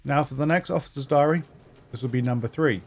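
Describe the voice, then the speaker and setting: A man's voice: mid-range voice, fast talker, vocal fry, soft background music. Man narrating a game walkthrough. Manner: instructive, step-by-step, steady. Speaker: gaming guide narrator. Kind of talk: walkthrough commentary.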